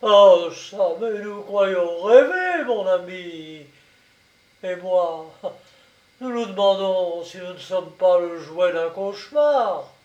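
A man's voice: sits high, lively intonation, slow pace, darkish tone. A man reading aloud voices an indignant male prisoner protesting his treatment. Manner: protesting, exasperated. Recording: roomy, distant, dull sound.

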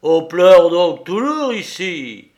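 A menacing, jealous seaman bellows and swears at full volume, as a male reader puts him on. His voice is pushed up high and hard. It comes from a slow, read-aloud storybook. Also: very animated, heavily acted. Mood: shouting angry. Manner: swears sailor oaths, shouting. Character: rough jealous male sailor, menacing and loud.

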